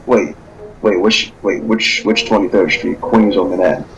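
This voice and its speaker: A man's voice: fairly low pitch, moderate pace, highs cut off. A man improvising radio calls as a train dispatcher in a role-play, repeating himself when flustered. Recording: very noisy channel, steady vehicle-like hum.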